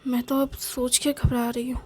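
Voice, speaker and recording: A woman voicing a worried middle-aged mother who scolds her only son in fast, anxious bursts. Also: a little high, level tone, darkish tone, close to an everyday voice. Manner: rapid, nagging, anxious scolding.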